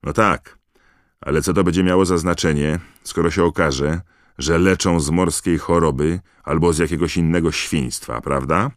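An easygoing teenage boy teases in a lively, mocking tone, as a man voices him in an audiobook. The delivery is lifted and quick, with a close, dry sound. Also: a bass voice, smooth, no room sound, heavily acted.

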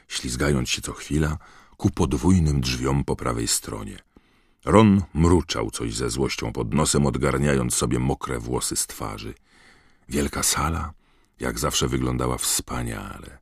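Audiobook narrator, male, measured and expressive, bass voice, dry sound. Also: no room sound.

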